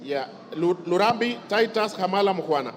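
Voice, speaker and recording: A man's voice: high voice, lively intonation, a little fast, slight background noise. A man acting as a parliamentary clerk, formally reading out a roll of constituencies and names. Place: large parliamentary chamber. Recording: reverberant hall, murmuring crowd. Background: crowd.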